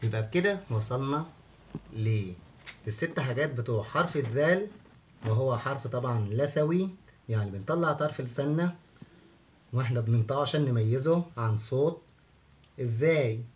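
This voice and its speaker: A man's voice: mid-range voice, slight background noise. Egyptian guy teaching kids letters at a board, patient, asks then answers, stretches words way out. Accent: Egyptian Arabic. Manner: patient, asks questions and answers them, drags out words slowly. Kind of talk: children's whiteboard lesson.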